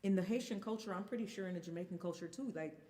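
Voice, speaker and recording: A woman's voice: medium pitch, very fast, warm tone, long reverb tail. A woman in her thirties telling a personal story candidly in a casual chat as a guest. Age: 30s. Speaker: guest singer.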